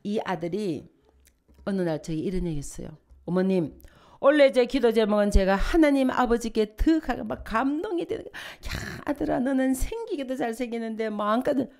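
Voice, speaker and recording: A woman's voice: fairly high pitch, normal speed. Older Korean woman preaching with humor. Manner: humorous, lively storytelling with sudden emotional swells. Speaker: pastor's wife preaching. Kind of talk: sermon. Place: church sanctuary.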